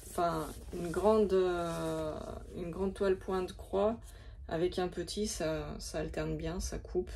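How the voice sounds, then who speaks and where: Speaking at a fairly low pitch with a mellow tone and vocal fry, this woman vlogger walks through her craft stock. Her talk is relaxed but hesitant and full of fillers.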